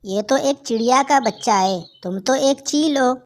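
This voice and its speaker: A woman's voice: a little high, moderate pace, natural voice. A woman voicing a hungry, meddling younger sister kite bird in a cartoon, eager and scolding. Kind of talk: Hindi cartoon voice acting.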